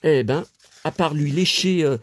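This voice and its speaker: Unhurried and a little high-voiced, a collector vlogger in his 50s meanders through a casual talk to viewers, with lots of hesitations and restarts. He's stuffy from a lingering cold, his mouth is dry, and there's no room sound.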